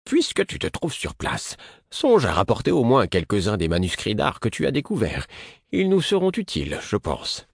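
A man voicing a brisk, practical older male mentor, grudging but concerned. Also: fairly low pitch, wildly swooping pitch, gravelly, husky, dry recording, studio quality, pitched above the performer's own voice, heavily acted.

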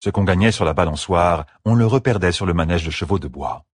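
A man narrating an audiobook in an even, measured storytelling voice on a close studio mic. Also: low voice, husky, no echo. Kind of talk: scripted narration.

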